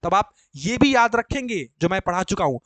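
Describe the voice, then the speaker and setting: A man's voice: high voice, sing-song, moderate pace, a bit bright, dry recording. A male chemistry teacher explaining to students in a live class, chatty and coaxing, often repeating points and quizzing them. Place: coaching classroom.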